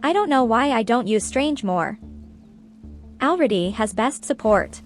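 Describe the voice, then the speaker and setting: A woman's voice: fairly high pitch, expressive, a little slow, soft background music. A woman streamer chatting casually while playing a video game. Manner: chatty, musing aloud. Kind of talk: casual gameplay commentary.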